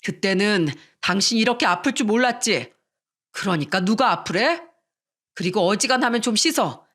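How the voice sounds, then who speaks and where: A woman's voice: mid-range voice, lively intonation, moderate pace, fairly bright tone. A woman voicing an arrogant, sneering male surgeon who belittles his sick wife in a dramatized story. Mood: contemptuous. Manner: sneering, condescending.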